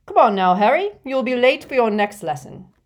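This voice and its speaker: A woman voicing a jovial, portly older male potions teacher with a hearty, booming manner. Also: big pitch swings, a little slow.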